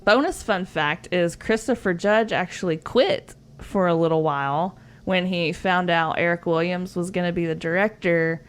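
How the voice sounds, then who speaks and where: A woman's voice: on the low side, normal speed, hardly any pauses, clean tone. A woman co-hosting a podcast in casual chat, sharing facts in a chatty, giggly way with lots of "like" fillers. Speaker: podcast co-host.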